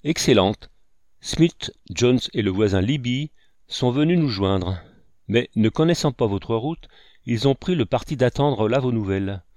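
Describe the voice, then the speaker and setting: A man's voice: medium pitch, animated, unhurried, a little mellow, no room sound, lightly acted. A man voicing a big, dutiful young frontier son who speaks respectfully to his father in a storybook reading. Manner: respectful, eager to explain.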